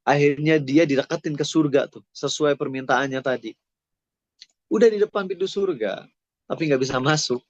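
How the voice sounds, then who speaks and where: A man's voice: on the high side, moderate pace, dry recording, lo-fi sound. A male Islamic preacher giving a casual sermon to students, chatty and friendly, slipping English phrases into his talk.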